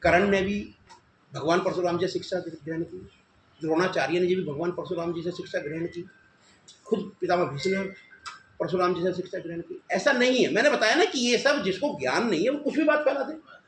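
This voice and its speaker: Emphatic high-voiced man in echoey room. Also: a little fast, a bit bright. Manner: earnest, emphatic, insistent. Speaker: event organizer at a press conference. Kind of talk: press conference answers. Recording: echoey room with background noise.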